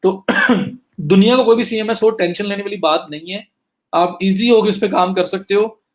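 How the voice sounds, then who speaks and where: In a live online lecture shared from his screen, a man who teaches digital marketing addresses his students directly and takes them through each click in turn. He mentions he's speaking quickly to get through more material; his voice sits high and carries a certain flavour.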